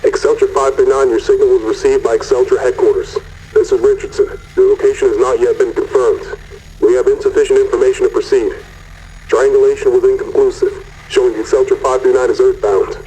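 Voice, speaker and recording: In a sci-fi audio drama, a male actor with a husky, mellow, medium-pitched voice plays a weary, candid corporate mission controller. His radio message mixes official briefing with wry confiding in a formal mood. The rough recording has a little hiss or hum.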